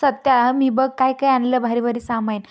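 A woman reading a loud boastful young man, cheerful helper, high voice, retold serial story. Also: little pitch movement, moderate pace, natural voice.

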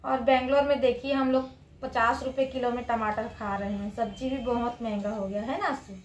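A woman's voice: fairly high pitch, fairly even intonation, normal speed, dull audio, a little hiss or hum. A woman in her twenties chatting casually as a home vlogger, showing viewers around. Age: 20s. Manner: chatty, shows things to viewers. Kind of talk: casual home vlog chat. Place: home kitchen and rooftop.

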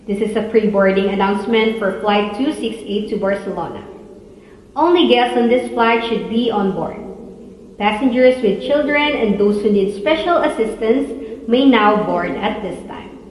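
A woman in her twenties giving a formal, measured, scripted airport and cabin announcement as a flight attendant. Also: mid-range voice. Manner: formal, measured public-address delivery. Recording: echoey, reverberant, faint background noise.

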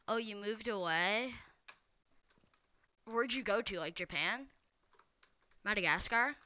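A woman's voice: mid-range voice, bright, forceful tone, clean tone, no room sound, dull audio. A young woman live-streaming a game, chatting casually and teasing viewers as she reads their messages. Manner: teasing, talks straight to viewers reading chat. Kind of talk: casual live-stream chat while gaming.

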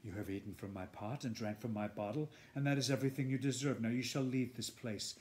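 A man voicing a cold, knowing swamp witch in a storybook read-aloud, speaking slowly in a hushed, menacing way. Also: medium pitch, close to an everyday voice. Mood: cold menace.

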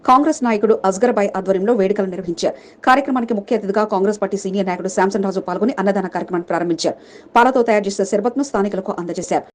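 Fast, dark-voiced woman reading news. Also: medium pitch. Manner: rapid, even newsreading through long name lists. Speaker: news reader. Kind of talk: scripted news voice-over.

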